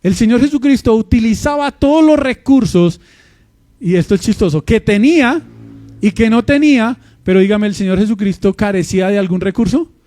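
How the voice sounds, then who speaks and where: A man's voice: high voice, brisk, warm tone, no room sound. A man with a Colombian accent preaching an expository sermon in church, often asking the congregation questions and answering them himself. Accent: Colombian Spanish. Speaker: pastor. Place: church with babies heard in the back.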